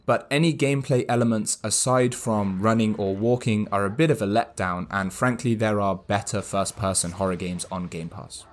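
Brief: low-voiced man, dry candid reviewer narration, faint music under it. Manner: wry, dry, candid, chuckles at his own jokes. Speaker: game reviewer.

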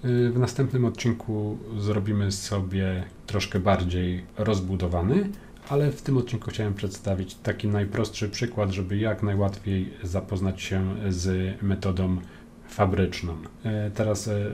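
A man with a Polish accent walks through code in a screen-recorded programming lesson, calm and methodical, often pausing on a drawn-out "e". His voice sits low and sounds dark and mellow. Faint room hiss and keyboard typing sit under the narration. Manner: calm, explains step by step with frequent "e" hesitations. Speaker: programming tutor. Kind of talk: screen-recorded coding tutorial.

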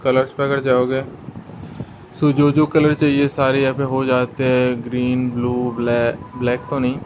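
A product reviewer gives a casual how-to demo, addressing viewers as "guys" while he chats and explains. He speaks a little slowly in a monotone, mid-range voice against a noisy background.

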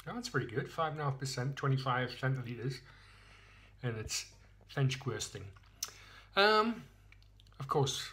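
A man's voice: mid-range voice, fairly bright tone. An Englishman chatting casually through a beer tasting, rambling and poking fun at himself, recorded as a handheld phone video indoors. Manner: chatty, rambling, self-mocking. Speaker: beer reviewer.

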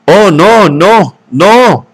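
A man's voice: sing-song, a little slow. Lenina, a pleading young woman, voiced by a male reader. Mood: frightened. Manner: higher, louder pleading voice. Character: young woman, amorous then terrified.

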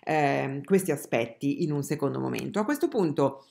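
Low-voiced woman teaching art history. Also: animated, moderate pace, vocal fry, a little mellow. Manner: hesitant, many fillers and restarts; addresses viewers directly. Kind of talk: online art history lesson.

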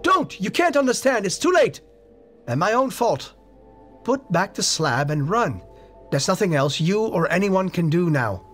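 A man voicing a terrified middle-aged explorer trapped underground, hoarse with fear and pleading frantically. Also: low voice, steady tone, normal speed, hardly any pauses, a bit bright, soft background music, voice pushed down, heavily acted. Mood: screaming.

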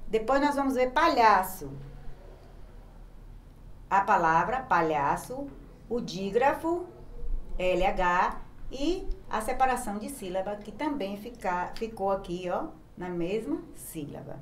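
A woman's voice: medium pitch, lively intonation, takes it slowly, roomy sound, a little hiss or hum, poor audio. A woman teacher with a Brazilian Portuguese accent giving a recorded grammar lesson to young children, patiently spelling out letters one by one. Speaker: primary school teacher.

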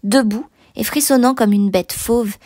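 A woman narrating a classic novel in a measured, expressive reading that sometimes sinks to a near whisper. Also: on the high side, dry recording, studio quality. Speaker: audiobook narrator.

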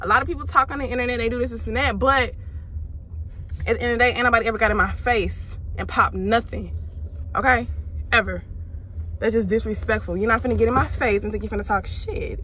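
Young woman vlogging in her car, blunt and slangy, kinda high sharp voice. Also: a little hiss or hum. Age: young adult. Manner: blunt, emphatic, slangy and laughing. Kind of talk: casual chat. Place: inside a car.

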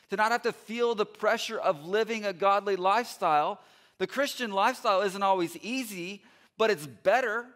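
A middle-aged man preaching a sermon from a large indoor church stage through a headset mic. He talks with earnest emphasis and repeats his key phrases, pressing hard at times and softening into quiet appeals at others. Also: sits high. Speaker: pastor.

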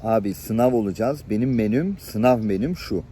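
A middle-aged man hosts his channel, telling personal stories to the camera in a lively, chatty way while showing viewers things on screen. His pitch is fairly low and his speed normal, and he chuckles now and then and acts out the people in his stories. Slight background noise is present.

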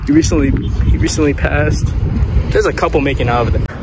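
A man's voice: on the high side, brisk. A young man chatting casually and jokingly with friends on camera, full of slang. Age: young adult. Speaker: vlogger. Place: outdoor eating area and thrift store, handheld camera. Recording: loud music, busy outdoor crowd noise.

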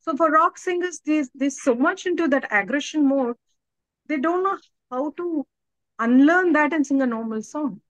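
A woman's voice: high-pitched, moderate pace, dry recording. A middle-aged woman with an Indian English accent, a vocal coach talking in an interview and demonstrating voice techniques. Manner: explains with sung and spoken demonstrations. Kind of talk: interview conversation.

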